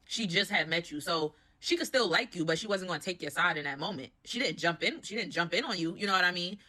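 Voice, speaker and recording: Young woman rattling off tv drama, lowish voice, chatty and slangy, lots of opinions. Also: lively intonation, sharp tone. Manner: fast, opinionated and gossipy, with slangy asides. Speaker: reality TV recap host. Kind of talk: casual show recap.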